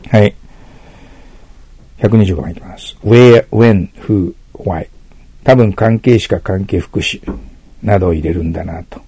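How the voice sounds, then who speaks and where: Gravelly-voiced man teaching English vocabulary. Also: lowish voice, warm tone, dry recording. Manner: explains patiently, self-corrects, asks rhetorical "ね"; clears throat often. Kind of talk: e-learning lecture.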